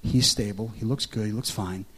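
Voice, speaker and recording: A male pastor preaching a sermon as a story, chatty and full of fillers and restarts, swinging into excited preaching. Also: fairly low pitch, moderate pace, slightly rough. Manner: conversational, with frequent "like" fillers and restarts; dramatic preacher who builds to loud, excited delivery.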